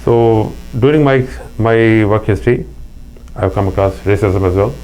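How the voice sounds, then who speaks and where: At a moderate pace, a middle-aged man from Pakistan speaks in a fairly low, slightly mellow voice with a Pakistani accent. He is an interview guest in a casual chat, earnest and anecdotal, with frequent restarts. A faint mains hum runs through the rough recording.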